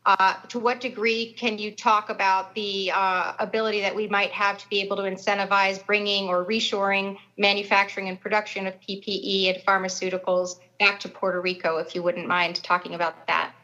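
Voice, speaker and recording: A woman lawmaker questions a witness over a bad remote connection that keeps breaking up. She speaks politely, with halting restarts. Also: medium pitch, flat delivery, pushed and bright. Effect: breaking-up remote call connection. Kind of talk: formal questioning at a remote hearing. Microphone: remote call line. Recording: dull lo-fi remote call audio.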